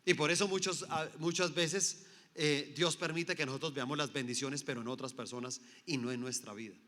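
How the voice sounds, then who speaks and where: A man's voice: a little high, fairly even intonation, fairly quick, a bit bright, in a large hall. A man, preaching a sermon as a pastor and emphatically asking his congregation rhetorical questions.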